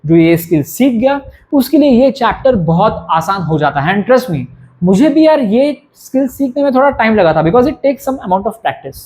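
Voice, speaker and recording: A man's voice: sits high, very animated, measured pace, darkish tone. A man teaching physics in an exam-prep lecture, repeating key phrases and often asking whether students are following.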